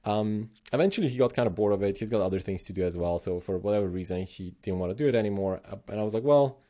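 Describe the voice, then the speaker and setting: A man from Slovenia with a low, mellow voice chats on a podcast. He talks thoughtfully, stopping and restarting his sentences as he works out what he means. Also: quick pace. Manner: thoughtful, many restarts and self-corrections. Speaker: podcast host. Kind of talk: casual podcast chat.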